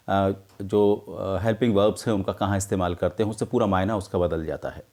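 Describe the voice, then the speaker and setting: Middle-aged male media teacher, lowish voice, measured and hesitant delivery. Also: a little mellow. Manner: measured, explanatory, with frequent hesitations. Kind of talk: explaining script mistakes to camera.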